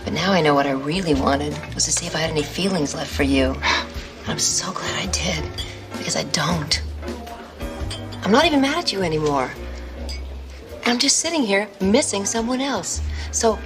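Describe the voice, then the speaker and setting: Sardonic woman, low voice, with music beneath, played by an actress. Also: expressive, moderate pace, pauses often, close to an everyday voice. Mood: wry. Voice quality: dry, sarcastic wit. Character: sharp-tongued woman facing her old lover. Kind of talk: sitcom acting. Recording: music playing underneath.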